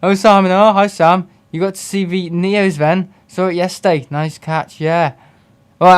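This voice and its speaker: A young Englishman with a fairly high, clean-toned voice streams a flight sim game, chatting casually and poking fun at himself. He reads chat aloud and laughs often.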